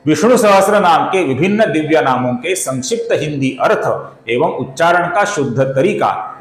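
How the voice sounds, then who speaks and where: A man teaching the correct pronunciation of a Sanskrit verse, explaining earnestly and chanting words slowly, with soft music behind him. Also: on the high side, roomy sound, poor audio. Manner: addresses viewers as friends, earnest explaining. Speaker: spiritual YouTube teacher. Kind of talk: Sanskrit recitation lesson.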